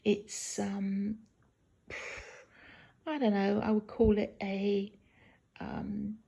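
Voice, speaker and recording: A woman talking casually in a halting video diary from a hospital room, sounding weak and tired and in some pain hours after surgery. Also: mid-range voice, fairly even intonation, dark tone. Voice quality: husky, creaky. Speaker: patient recording a post-op video diary.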